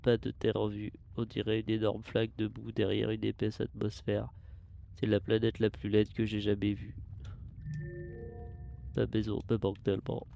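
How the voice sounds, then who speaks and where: A man voicing a spaceship's log in a put-on robot voice, monotone and formal, reading log entries aloud. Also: lowish voice, gravelly, slight background noise. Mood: weary. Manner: monotone, measured, formal delivery. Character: flat robotic voice of a spaceship log, human crew. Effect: robot voice put on by mouth, no filter.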